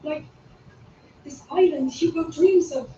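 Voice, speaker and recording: A woman's voice: high-pitched, slow, noisy background. An actress playing a fierce, protective young woman who is anxious about her sick brother, speaking in urgent, pleading video game dialogue. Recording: distant roomy lo-fi game audio captured on a stream.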